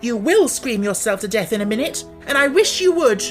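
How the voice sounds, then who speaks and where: A savage little girl from a storybook. The voice is high and forceful, shouting with defiant temper. She sounds bossy and utterly unafraid. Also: sing-song, fairly quick, over music. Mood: furious.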